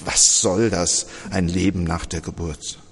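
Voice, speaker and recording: A man's voice: low-pitched, steady tone, a little slow, slightly rough, big-room sound, voice pushed down, full character voice. A man voicing an unborn boy in a sermon story, scoffing and indignant. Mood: scornful. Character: unborn boy, scornful and stubborn.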